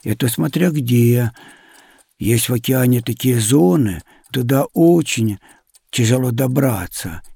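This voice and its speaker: A man who is likely middle-aged, a sailor and traveller appearing as a guest, tells stories to children in a husky, gravelly voice of medium pitch. He speaks slowly and warmly with lively intonation, giving simple, loosely phrased explanations in a conversational way, with no echo.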